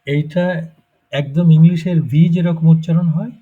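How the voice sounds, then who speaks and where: A man's voice: fairly high pitch, fairly even intonation, normal speed, breathy edge. A man with a Bangladeshi Bengali accent teaching German pronunciation in a live class, explaining step by step and checking in with students. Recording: muffled lo-fi recording.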